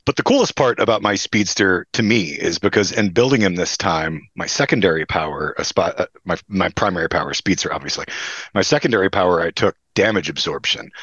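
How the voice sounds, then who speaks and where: A man's voice: deep voice, no room sound, highs cut off. A man in a tabletop game eagerly describing his hero and chatting with the table. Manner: eager, quick, excitable. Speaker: player. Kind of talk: casual chat.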